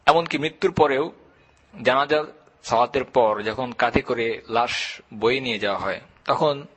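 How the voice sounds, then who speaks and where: Husky-voiced man preaching earnestly. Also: mid-range voice, fairly bright tone. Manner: earnest, measured preaching with emphatic repetition. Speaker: Islamic lecturer. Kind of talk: religious lecture.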